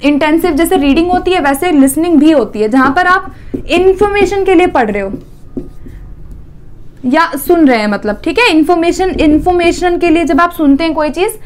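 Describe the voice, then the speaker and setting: A woman teaching an exam-prep lesson, explaining step by step, asking questions and answering them herself, often checking in with "theek hai". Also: high-pitched.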